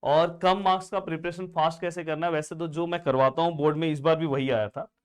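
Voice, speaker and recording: A man tutoring students in grammar with a smooth, resonant voice that sits a bit high for a man. He talks in a friendly, chatty way, calls the class friends, and voices students' questions before he answers them himself. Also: fairly even intonation, quick pace. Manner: answers his own imagined student questions. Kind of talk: exam-prep lesson.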